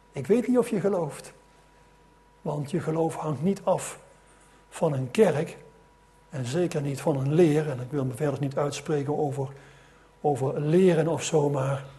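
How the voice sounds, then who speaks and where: A middle-aged male preacher with a fairly high voice tells a parable to his congregation. His delivery builds in loudness at the key moments and falls back into a quieter, reflective tone, with hesitations and restarts along the way. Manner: storytelling, with many restarts and rising emphasis. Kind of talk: sermon.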